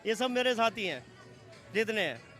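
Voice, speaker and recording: A man with a very high voice and a bright, forceful tone, talking in an easygoing street-interview manner. He keeps insisting that nothing bothers him. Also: big pitch swings, normal speed, faint music behind, a faint crowd. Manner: easygoing, insistently repeats that there is no problem.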